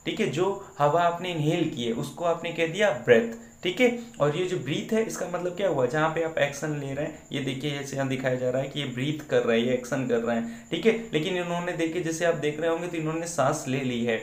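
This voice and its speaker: A man's voice: fairly high pitch, brisk, hardly any pauses, reverberant. A man teaching English vocabulary in an online exam-prep lesson, explaining patiently and asking his students questions he then answers.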